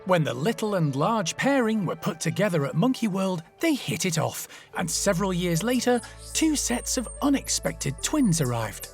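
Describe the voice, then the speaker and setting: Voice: medium pitch, sing-song, moderate pace, hardly any pauses, soft background music. A documentary narrator reading scripted nature documentary narration about animals.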